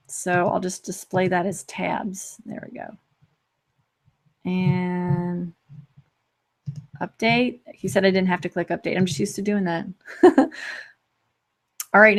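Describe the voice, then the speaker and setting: A woman hosts a live screen-share walkthrough of software, speaking quickly in a casual, chatty way. She often breaks off and restarts sentences and laughs lightly as she moves between points. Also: mid-range voice. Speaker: host demonstrating software.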